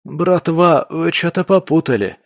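A man doing a hoarse, panicky young crook. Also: on the high side, lively intonation, unhurried, dry recording, clean studio sound, pitched above the performer's own voice. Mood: defensive. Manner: pleading, panicky squeals. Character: frightened young male backwoods dealer, hoarse.

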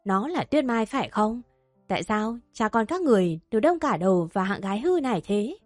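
A woman's voice: mid-range voice, big pitch swings, a little fast, a little mellow, no echo, soft background music. A woman voicing a furious, scheming rich middle-aged mother who screams insults at those around her.

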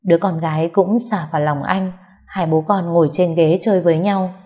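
Low mellow-voiced woman reading a story. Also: fairly even intonation, normal speed. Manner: soft, sorrowful storytelling. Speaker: audiobook narrator. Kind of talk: first-person story narration.

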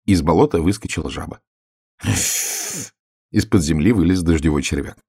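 Husky-voiced male storyteller. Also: rumbling low, moderate pace. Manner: expressive, storytelling. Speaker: narrator. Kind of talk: storybook narration.

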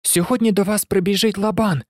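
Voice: medium pitch, steady tone, fairly quick, no echo, clean studio sound, pitched above the performer's own voice, natural voice. A reader voicing a sly young fox in a storybook, muttering and plotting to himself. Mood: scheming.

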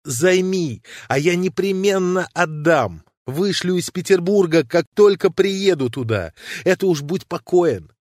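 A man's voice: high voice, expressive, measured pace, darkish tone, no echo, voice pushed up. Man playing a tormented young man, urgent and pleading, raised voice, dry close sound. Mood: eager. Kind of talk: audiobook reading of classic prose.

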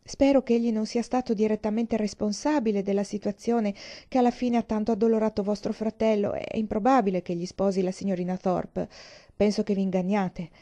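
A woman reading a calm, courteous young gentleman. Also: medium pitch, close to an everyday voice. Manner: measured, polite.

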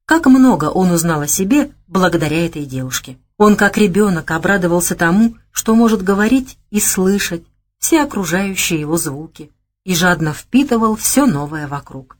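Low-voiced woman reading an audiobook. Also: lively intonation, normal speed. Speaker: audiobook narrator. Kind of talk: scripted narration.

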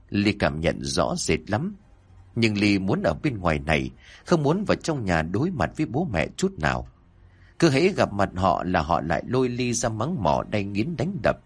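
A man narrating a dark story in an expressive, emotional way. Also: lowish voice, slightly rough.

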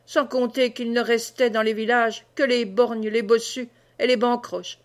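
A woman voicing a sharp-tongued, scornful peasant mother who scolds quickly. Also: on the high side, fairly even intonation, lightly acted.

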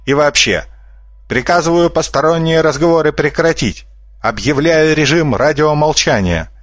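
A man's voice: fairly high pitch, normal speed, no echo, clean studio sound, voice pushed up, close to an everyday voice. A man voicing a sly red-haired male fox swindler who talks in a brash, bossy way. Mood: smug. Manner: brash, bossy, smooth-talking.

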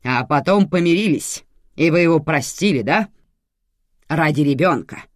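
Reader doing a harsh bossy lady supervisor, loud and interrogating, dry close mic. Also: medium pitch, lively intonation, moderate pace, dry recording, voice pushed up, close to an everyday voice. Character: stern loud female airport supervisor.

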